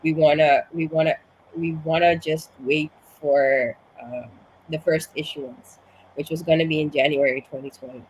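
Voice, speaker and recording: A woman's voice: low-pitched, steady tone, moderate pace, slight background noise, poor audio. A woman from Suriname, a guest in a casual interview, a bit out of breath from being sick, explaining at length with many restarts. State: slightly out of breath from illness. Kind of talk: casual conversation.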